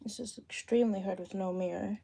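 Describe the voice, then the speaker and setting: This realtor, in her late thirties, chats briskly with her livestream viewers at home, answering their questions into a phone camera as she does her hair and thinks out loud. Her medium-pitched voice is mellow and dark, threaded with gravelly fry, and her manner is loose and relaxed.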